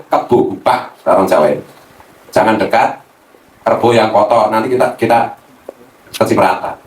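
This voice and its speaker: Animated cleric speaking from afar. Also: male voice, mid-range voice. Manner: animated, mixes Javanese slang, laughs often. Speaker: Islamic cleric. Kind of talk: casual religious talk. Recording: roomy, from a distance, faint noise.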